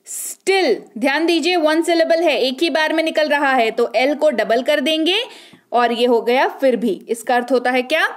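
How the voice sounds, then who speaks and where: A woman, an English teacher giving an online spelling lesson, coaxing and asking the viewer questions, repeating words slowly. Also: high voice.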